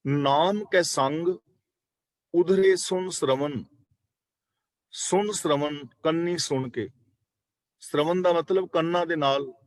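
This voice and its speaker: A man teaching a scripture class, reciting verses slowly and then explaining each word, at times correcting how a word is pronounced. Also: a little high, dry recording. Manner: corrects pronunciation letter by letter. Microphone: online video call.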